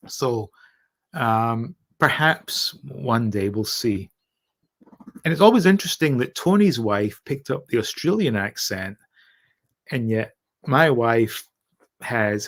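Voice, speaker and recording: A man's voice: medium pitch, fairly bright tone. A middle-aged man with a Scottish accent hosting a casual livestream, speaking in a candid, self-deprecating and sweary way. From Scotland. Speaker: livestream host. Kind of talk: casual livestream chat, reading out and answering comments.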